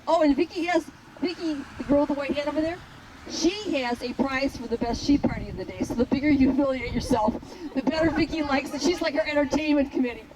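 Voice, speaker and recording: A woman herding instructor explaining a test to a class outdoors in a blunt, joking, animated way. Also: high voice. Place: outdoors at a sheep field. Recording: outdoor recording with traffic noise.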